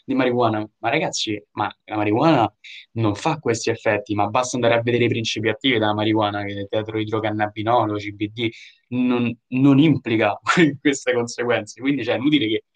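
A man's voice: lowish voice, fairly even intonation, fairly quick. A young man co-hosting a casual news chat, talking in a loose, digressive way and breaking into laughter now and then. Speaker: co-host.

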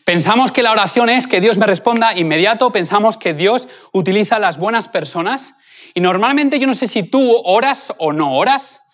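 A man with a Spanish accent from Spain, preaching a sermon by telling a story in a lively, emphatic way. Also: high-pitched, normal speed. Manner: lively storyteller, stressing words with "super".

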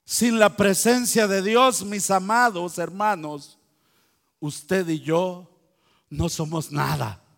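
A man's voice: high voice, slow pace, gravelly, a bit bright. A man preaching a sermon, speaking animatedly and directly to his congregation. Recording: long hall reverb.

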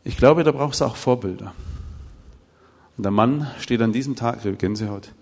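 Animated German preacher in echoing hall. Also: male voice, mid-range voice, moderate pace, vocal fry. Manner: animated storytelling, acting out dialogue. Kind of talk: sermon with told stories. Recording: hall with long reverb.

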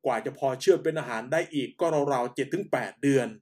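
A man hosting and narrating in a calm, unhurried radio style, using polite particles as he tells a story. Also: mid-range voice. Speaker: host.

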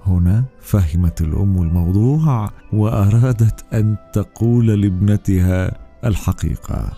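A man's voice: fairly low pitch, normal speed, soft background music. A man hosting a children's bedtime story podcast, narrating expressively to kids. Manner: warm-paced, expressive, addressing children. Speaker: storyteller host.

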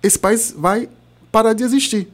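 A man in his thirties from Haiti with a Haitian accent, a podcast guest talking in a relaxed interview, often pausing and restarting as he searches for words. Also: high-pitched. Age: 30s. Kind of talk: casual interview conversation.

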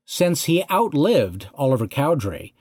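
A man giving a scripted historical narration in a measured, deliberate way. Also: on the high side, very animated, a little mellow, slightly rough, no room sound, studio quality.

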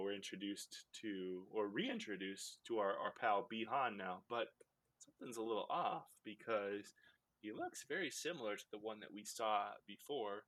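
A man's voice: lowish voice, pushed and bright. A man hosting a casual podcast, recapping a movie in a rambling way with lots of fillers and laughs. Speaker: podcast host.

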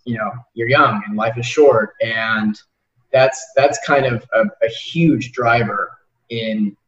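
A man's voice: mid-range voice, slow, a bit bright. A man in his twenties hosting a podcast, talking earnestly in a rambling way with lots of repeated words. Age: 20s. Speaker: podcast host. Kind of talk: casual interview chat. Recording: roomy, distant, dull sound.

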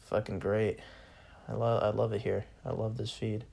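A young man with a low, gravelly voice rants to nobody in particular on his solo podcast. He sounds bored and sarcastic, and he swears constantly. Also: level tone, normal speed, darkish tone. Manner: profane, bored and sarcastic, laughs often. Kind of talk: casual solo rant.

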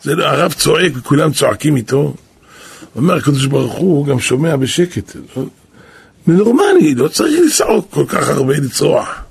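Male rabbi, lively storytelling sermon, very husky and gravelly, shouts for emphasis. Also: a little high. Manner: animated storyteller who bursts into shouts for emphasis. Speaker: rabbi and kabbalist teacher.

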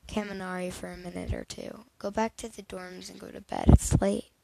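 A woman's voice: lowish voice, flat delivery, moderate pace, gravelly, background noise. A woman voicing a stern middle-aged male teacher in a fan fiction reading, giving firm instructions.

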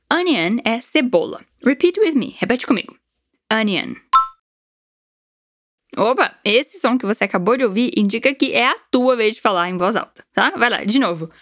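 Brazilian lady teaching english, chatty n encouraging, slightly high voice, dry sound. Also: no room sound. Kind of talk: language lesson.

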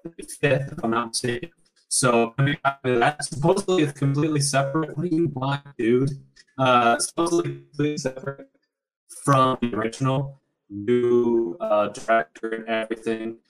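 A man's voice: mid-range voice, moderate pace, music in the background. A man hosting a casual podcast chat over an internet call, talking in a loose, rambling way with some swearing. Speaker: podcast host.

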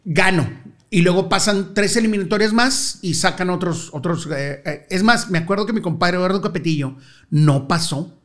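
A middle-aged man with a northern Mexican Monterrey accent, pitched a little high for a man. He tells stories to an interviewer in a lively, slangy way that breaks into laughter easily. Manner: animated, slangy, quick to laugh. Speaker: interview guest. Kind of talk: casual storytelling interview.

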